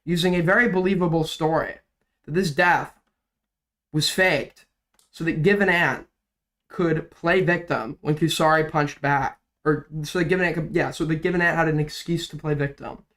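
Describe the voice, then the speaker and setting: A young man gives casual drama commentary on his livestream, his slightly raised voice steady in tone and a bit bright. A sore throat from illness makes his voice crack and sets him coughing. He rambles, swears freely, and leans on fillers while shifting easily between quick and slow talk.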